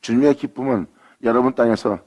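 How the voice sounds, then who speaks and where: A man preaching a sermon, rising to fervent declarations and slowing to intone scripture. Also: medium pitch, a little mellow.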